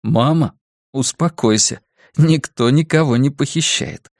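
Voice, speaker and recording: A male audiobook reader voicing a calm, patient young man explaining things to his mother. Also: mid-range voice, measured pace, dry recording, studio quality, natural voice. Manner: calm, even-tempered, patient. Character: calm young adult son, student. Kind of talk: audiobook character voice.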